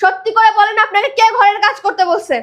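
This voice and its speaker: A young woman playing the wife of an expat worker, who scolds forcefully and insists on being obeyed. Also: very high-pitched, fairly even intonation, fast. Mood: angry. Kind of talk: amateur drama acting.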